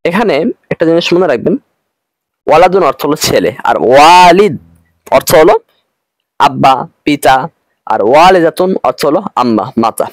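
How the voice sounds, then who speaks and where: A man with a Bangladeshi Bengali accent teaching an online Arabic grammar lesson, patient and repetitive, slowing down for each Arabic phrase. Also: on the high side, expressive, dry recording.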